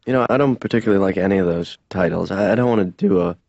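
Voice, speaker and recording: A stammering, reluctant grown son. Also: male voice, low-pitched, vocal fry, dry recording, dull audio. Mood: grumbling. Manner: halting, stammering, flat deadpan. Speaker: adult son. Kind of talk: deadpan animated sitcom dialogue.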